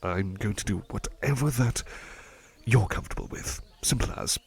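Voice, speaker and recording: In an ASMR roleplay of soft personal attention, a man plays a devoted, affectionate butler who dotes and gets flustered. His lowish voice is gravelly with a breathy edge, moving at a moderate pace in a full character voice, polite and tender with hesitant stammers.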